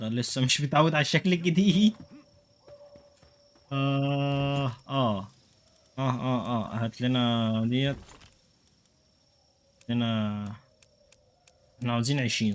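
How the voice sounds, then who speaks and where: Excitable Egyptian man playing a game. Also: mid-range voice, a little fast, pauses often. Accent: Egyptian Arabic. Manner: joking, excitable, talks to the game. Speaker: gaming YouTuber. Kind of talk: let's play commentary.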